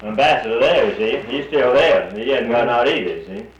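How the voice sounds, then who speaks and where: A man's voice: medium pitch, fairly quick, muffled recording. A man, heard on an old 1941 archival recording, speaking bluntly and often restarting his sentences in casual conversation. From North Carolina. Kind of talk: casual conversation about the war. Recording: roomy old recording with faint hiss.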